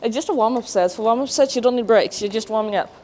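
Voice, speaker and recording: A woman's voice: on the high side, fast, darkish tone. A woman giving casual, encouraging workout instruction as an athlete and coach, explaining each step inside a gym. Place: indoor gym. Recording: noisy gym background.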